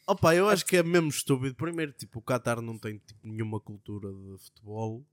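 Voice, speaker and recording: A man's voice: mid-range voice, steady tone, fast talker, no room sound, studio quality. A young man with a European Portuguese accent co-hosts a podcast, chatting informally and slangily with friends. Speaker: podcast co-host. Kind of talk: casual banter among friends.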